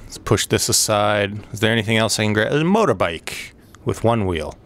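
A man giving let's play commentary on a horror game, swearing a lot, rambling and breaking into excited outbursts. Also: on the low side, fairly quick, slight background noise. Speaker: gaming video host.

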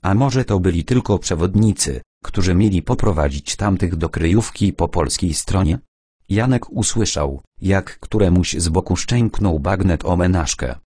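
A man reading a war novel aloud as an audiobook narrator, with dramatic, expressive delivery. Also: sits low, a little slow, breathy edge, no echo, studio quality.

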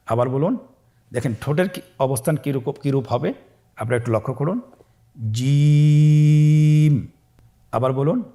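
A man teaching Arabic letters in a patient, step-by-step lesson. He drills each letter with long, drawn-out sounds for learners to repeat and adds soft praise after each round. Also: mid-range voice. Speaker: Quran reading teacher.

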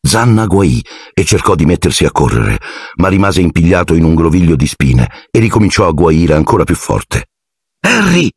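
A man narrating an audiobook in an expressive storytelling manner. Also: low-pitched, moderate pace, slightly rough, dry recording, studio quality. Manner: expressive storytelling, shifting into character voices. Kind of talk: scripted narration.

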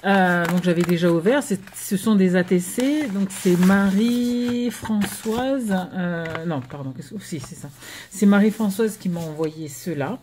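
A woman chatting casually at home as she opens her mail, keeping her voice down and pausing often with fillers. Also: mid-range voice, slight background noise. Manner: chatty, hesitant with many fillers; talking softly while children nap. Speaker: crafting vlogger. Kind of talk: casual unboxing chat.

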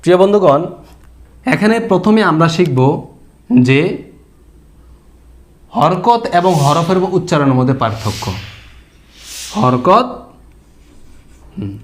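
A male Quran reading teacher with a somewhat high voice. He explains each point patiently, repeats key ideas and answers his own rhetorical questions, in the manner of a lesson. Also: big pitch swings, slow pace, long pauses.

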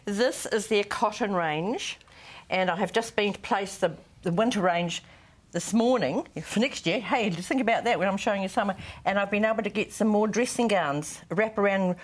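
A woman's voice: mid-range voice, normal speed. A woman with a New Zealand accent, a shop retailer, casually presenting products in an admiring, informal way.

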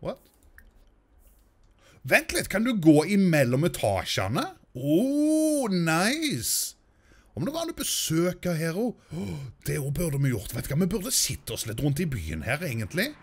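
A Norwegian man in a casual let's-play, with a slightly higher voice than most men. He rambles chattily and often speaks straight to his game characters, getting worked up and excitable as he plays. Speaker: gaming YouTuber.

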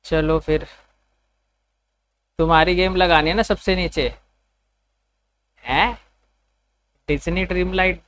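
Hoarse high-voiced male streamer. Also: fairly bright tone, slight background noise. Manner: teasing, swears freely, quick comebacks. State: hoarse sore throat, keeps clearing it. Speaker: livestreamer talking to chat. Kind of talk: casual live stream banter.

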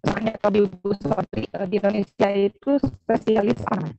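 Woman, choppy cutting-out call audio, gravelly, dark, muffled video call. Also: mid-range voice, steady tone, fairly quick, faint music behind. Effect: choppy breaking-up online call audio. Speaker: student. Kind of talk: asking a question in an online class.

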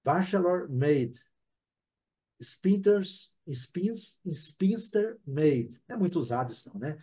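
Brazilian male teacher, fairly high, mellow and husky voice, chatty live-class delivery with constant tag questions. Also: animated, slow pace. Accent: Brazilian Portuguese. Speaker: English teacher. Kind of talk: live online language class.

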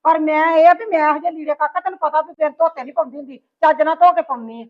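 Scolding mother-in-law; woman, high voice, quick delivery, dull recording. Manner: scolding, complaining. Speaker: mother-in-law in a family drama. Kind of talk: amateur family drama acting.

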